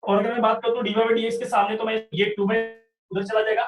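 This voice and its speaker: High-voiced maths teacher, echoey room. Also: male voice, flat delivery, brisk, distant mic, soft background music. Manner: explains step by step, often asks "sahi hai kya?". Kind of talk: online revision class lecture.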